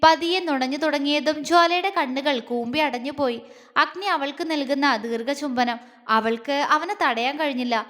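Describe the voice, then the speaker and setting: A woman narrating a scripted romance audio story in a soft, emotive storytelling manner. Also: high voice, moderate pace. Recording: long hall reverb.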